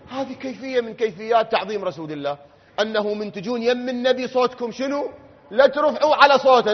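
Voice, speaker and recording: A man with an Iraqi accent giving a religious lecture, going from quiet explanation to loud, emphatic questions. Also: very high-pitched. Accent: Iraqi Arabic. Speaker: cleric. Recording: lo-fi with long hall reverb.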